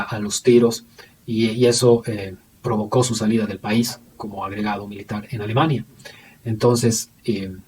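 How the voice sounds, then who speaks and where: A man giving a recorded history presentation in an unscripted way, pausing often with fillers and restarting his sentences. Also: medium pitch, darkish tone, far from the mic, slight background noise. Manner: hesitant, many fillers and restarts.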